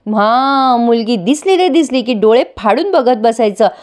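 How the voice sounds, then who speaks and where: A woman voicing a sharp-tongued young woman who scolds a stranger rapidly. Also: a little high, expressive. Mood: scolding.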